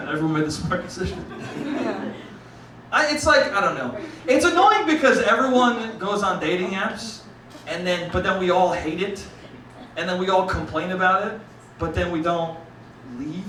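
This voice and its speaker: His voice sits high as he delivers a casual, foul-mouthed stand-up set, tossing dude and bro at a laughing club audience. The sound is roomy and distant, live from the club, with background noise.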